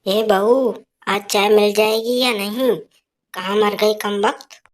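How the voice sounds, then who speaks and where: A woman's voice: mid-range voice, steady tone, takes it slowly, natural voice. A woman voicing a harsh, scolding old mother-in-law in a cartoon story, with nagging taunts.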